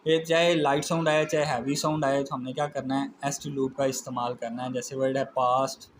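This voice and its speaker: A man's voice: mid-range voice, level tone, fairly quick, slight background noise, low-quality recording. A man with a Pakistani Urdu accent giving a methodical shorthand lesson, spelling out letters one at a time. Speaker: shorthand teacher. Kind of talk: classroom lecture explaining shorthand strokes.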